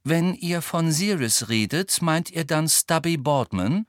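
A man's voice: fairly high pitch, animated, a little slow, dry recording, clean studio sound, voice pushed up. A man doing a dreamy, unbothered schoolgirl. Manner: serene, mild. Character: dreamy, calm teenage girl.

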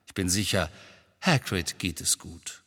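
A man reading an audiobook, voicing a restless grown man in hiding who reassures briskly with a bitter edge. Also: low voice, a bit bright, in a large hall, exaggerated voice. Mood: tense, bitter.

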